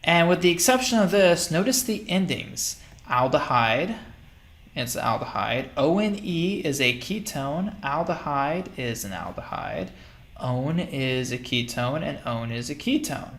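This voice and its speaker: A man's voice: a little high, unhurried. Man lecturing casually in a roomy echo. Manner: relaxed, thinking aloud with fillers and self-corrections. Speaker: chemistry lecturer. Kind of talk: casual recorded lecture over slides.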